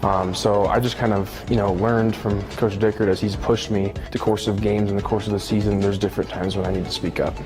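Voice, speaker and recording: A young man, a college football player, speaking in an interview clip, earnest and measured. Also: lowish voice, little pitch movement, over music. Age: young adult. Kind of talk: post-practice interview.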